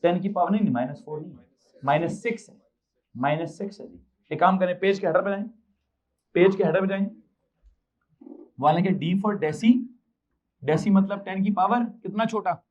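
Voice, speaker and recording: A man's voice: high-pitched, normal speed, long pauses, darkish tone, dull audio. A male physics teacher with a Pakistani Urdu accent, lecturing a class and quizzing the students with repeated questions.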